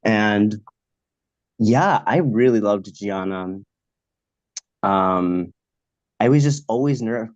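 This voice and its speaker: A man hosting a casual chat, lively and talkative, laughing easily. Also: fairly low pitch, no room sound, dull audio. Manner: animated, chatty, laughs easily.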